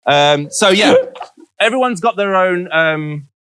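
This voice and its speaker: A man's voice: sits high, lively intonation, takes it slowly, fairly bright tone, clear, resonant tone, no room sound. A man hosting a live comedy panel show, playful and self-mocking in his banter.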